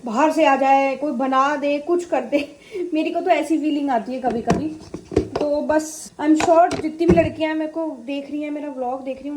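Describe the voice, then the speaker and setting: A young woman vlogging at home as a mother, chatting casually and mixing in English words. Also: darkish tone. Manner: chatty, switches to high sing-song voice with her child. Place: home kitchen. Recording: echoey room with faint household noise.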